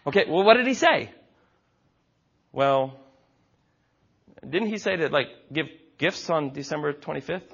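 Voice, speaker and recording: A man's voice: on the high side, lively intonation, unhurried, gravelly, pauses often, fairly bright tone, slightly rough, dull audio. A man in his forties preaching a sermon from a church stage, emphatic and folksy with joking asides. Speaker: pastor.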